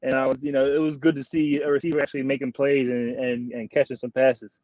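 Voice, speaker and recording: A man's voice: medium pitch, flat delivery, quick pace, darkish tone, dry recording. A young man co-hosting a sports podcast in casual, slangy frat-bro talk, like chatting with a buddy. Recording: dull, dry lo-fi audio.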